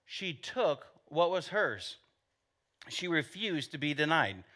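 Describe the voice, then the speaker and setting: A man preaching a sermon with a bright, forceful voice pitched a little higher than most men. He talks to the congregation conversationally, asking rhetorical questions and dropping in joking asides. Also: very animated, slow pace. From United States. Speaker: pastor.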